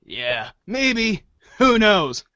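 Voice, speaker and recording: A man voicing a cartoon clown as a confused boy hero in a halting comic reading. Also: high voice, very animated, pushed and bright, dry recording, exaggerated voice. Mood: unsure. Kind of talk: comic fan reading of a webcomic.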